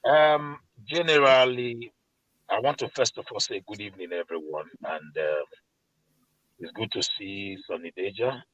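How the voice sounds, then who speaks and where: A man with a deep, low voice, speaking formally and deliberately as a guest on a panel discussion. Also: a bit bright, no room sound, muffled recording. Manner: formal, deliberate, with courteous greetings. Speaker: guest, creative industry organization leader.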